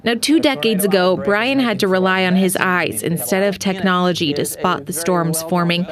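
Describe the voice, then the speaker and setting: A woman's voice: fairly low pitch, normal speed, crowd noise. An American woman narrating a scripted television news report as a reporter.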